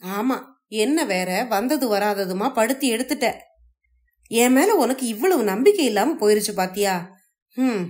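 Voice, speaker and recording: A woman voicing a smooth-talking, scheming young husband in a read-aloud family story, in a coaxing, falsely gentle manner. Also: a little high, lively intonation, measured pace. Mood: soothing.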